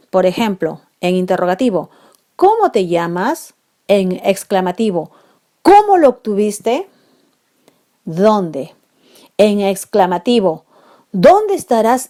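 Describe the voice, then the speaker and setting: Slow, deliberate woman teaching grammar. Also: medium pitch, a little mellow. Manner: slow, deliberate explanation with stressed key words. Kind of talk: grammar lesson.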